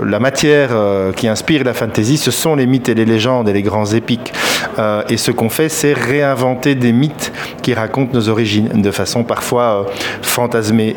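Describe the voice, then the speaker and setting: A man talks through his ideas in a slow, searching way, dotted with hesitations. His voice sits at an ordinary middle pitch. A faint hiss of background noise sits under the recording. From Belgium. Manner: thoughtful, hesitant, many filler pauses. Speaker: fantasy author. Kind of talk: reflective interview answers.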